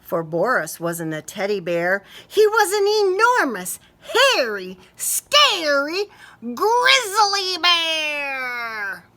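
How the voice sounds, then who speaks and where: Reading a picture book aloud to small children, a woman speaks slowly in a bright, high voice with big pitch swings. She tells the story expressively and turns to ask her young listeners questions.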